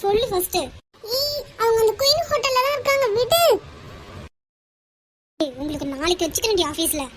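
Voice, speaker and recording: A woman voicing a group of young women in an animated cartoon, bickering and teasing each other. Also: very high voice, a little hiss or hum. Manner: quarrelsome, teasing. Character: young women friends bickering with office bullies.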